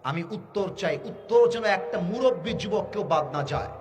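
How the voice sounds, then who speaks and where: A man preaching a sermon to a crowd, calling out questions for the audience to answer and shouting at the high points. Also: animated, normal speed, faint music behind. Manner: calls out to the crowd and asks for answers; shouts at peaks, acts out quoted fighters.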